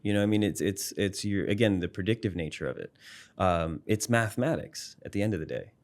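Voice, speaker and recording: A man with a very low voice talks through ideas as a guest in a casual interview. He is thoughtful and circles back on himself, full of fillers and restarts. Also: fairly quick. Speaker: psychology professor and musician, interview guest. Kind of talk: casual explanatory interview talk.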